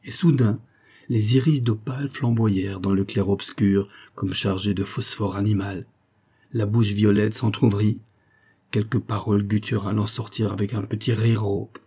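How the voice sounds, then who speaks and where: A man reading a literary novel aloud in a measured, expressive narration. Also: lowish voice, slightly rough. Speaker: audiobook narrator.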